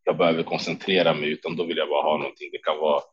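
A man from Sweden, a former kickboxing champion, telling stories as a podcast guest, animated and quoting people in lively bursts with frequent laughs. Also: very deep voice, breathy edge, muffled recording. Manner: animated, quotes himself and others in lively bursts, laughs often. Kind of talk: casual storytelling interview.

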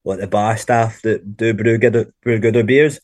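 A Glaswegian man, a rock band frontman appearing as a podcast guest, chats casually in slang and swears now and then. His voice is lowish and a little mellow, with fairly even intonation and a normal pace, and the recording is dry.

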